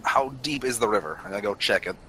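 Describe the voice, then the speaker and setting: A man's voice: lowish voice, animated, fast talker, sharp tone. A man playing a tabletop game, speaking casually and jokingly with his fellow players. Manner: joking, laughs between lines.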